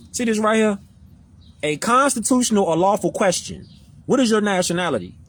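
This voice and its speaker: Casual host, high animated voice, preachy and slangy. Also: male voice. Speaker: social media commentator. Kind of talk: casual live-stream talk, reading definitions aloud.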